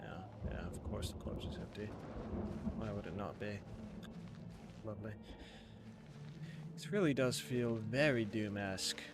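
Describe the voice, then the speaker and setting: A man's voice: lowish voice, fairly even intonation, measured pace, pauses often. A young man streaming a game in a put-on British accent, hyper and swearing as he plays. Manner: hyper, swearing, self-mocking. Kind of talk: gaming livestream commentary. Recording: clear background noise.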